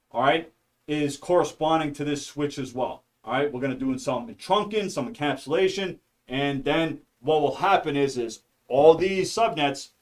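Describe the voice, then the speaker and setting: A man with a slightly higher voice runs a casual study stream, explaining networking in a loose, talkative way. He keeps checking in with listeners and throws in little jokes. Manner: rambling and talkative, says "all right?" and "okay?" constantly; jokey, mutters to himself. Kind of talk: casual live-stream teaching.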